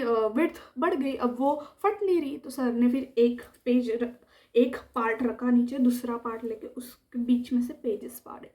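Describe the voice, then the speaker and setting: A young woman with a high, mellow voice recounts a school mishap in a casual vlog storytime. She talks in a chatty, animated way and slips into the voices of the people she quotes. She sounds relaxed and never harsh. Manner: chatty, animated retelling that acts out the quoted lines. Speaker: storytime vlogger.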